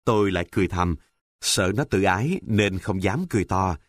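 Man, story narrator, calm measured reading, low voice, dry close recording. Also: dry recording.

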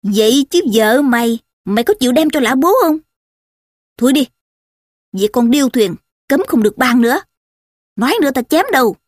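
Woman doing a gruff domineering old chancellor. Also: mid-range voice, expressive, a little slow, long pauses, darkish tone, no echo, clean studio sound. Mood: angry. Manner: gruff, commanding.

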